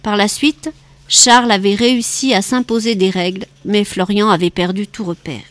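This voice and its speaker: A woman reading a novel aloud in a steady, measured narrating voice. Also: mid-range voice. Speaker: audiobook reader.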